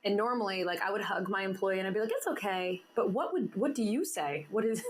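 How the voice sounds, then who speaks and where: Bubbly and teasing, a podcast host banters with her guest in a casual interview, laughing frequently. Her mid-range voice is animated and brisk, and there's a little hiss or hum on the recording.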